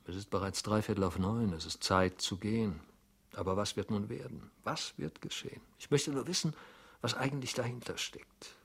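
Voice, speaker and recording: A man's voice: fairly low pitch, husky. A man voicing an anxious, fretful government clerk who mutters and scolds himself, in an audiobook reading. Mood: uneasy.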